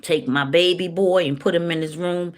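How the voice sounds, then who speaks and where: Woman, middle-aged, deep voice, fervent spoken testimony with sharp emotional spikes. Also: fairly even intonation, moderate pace. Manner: impassioned and preachy, with sudden high, loud bursts. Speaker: speaker sharing a healing testimony. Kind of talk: emotional testimony addressed to the audience.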